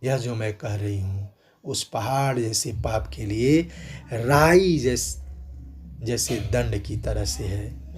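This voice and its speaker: Very slow, husky-voiced male teacher. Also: medium pitch, darkish tone. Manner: measured, explanatory, in short phrases. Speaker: literature teacher. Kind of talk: explaining a classic poem.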